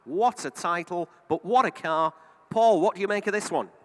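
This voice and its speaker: A man's voice: high-pitched, moderate pace. A middle-aged British man working as a car auctioneer, calling bids in a repetitive running patter with chatty asides. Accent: British English. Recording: reverberant hall sound.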